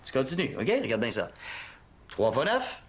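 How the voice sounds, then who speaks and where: Man acting animated Québécois dad, swooping pitch. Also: moderate pace, natural voice. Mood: patient, coaching. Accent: Québécois French. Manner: animated, colloquial, insistent. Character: eager, persuasive father of a schoolboy, middle-aged. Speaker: actor in a family sitcom. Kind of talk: naturalistic sitcom dialogue.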